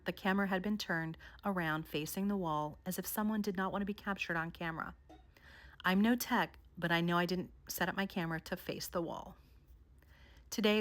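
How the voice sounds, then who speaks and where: A woman vlogger narrating a countdown of haunted places in a measured storytelling way. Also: on the low side. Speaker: paranormal vlogger. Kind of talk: scripted narration.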